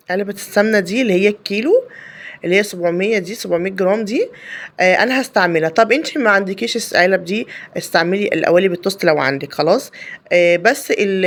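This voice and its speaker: A woman with an Egyptian Arabic accent hosting a home cooking video. She explains each step in a chatty way, with many fillers and restarts. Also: medium pitch. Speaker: home cooking channel host. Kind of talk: casual cooking tutorial voice-over.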